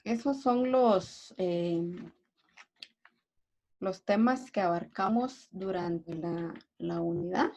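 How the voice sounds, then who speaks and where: A woman teacher walks through a grammar review at an unhurried pace. Her voice is soft and mellow, and she leans on fillers and little check-in questions as she goes. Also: lowish voice. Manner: hesitant, many fillers, checks in with a repeated tag question. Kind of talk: recorded review lesson.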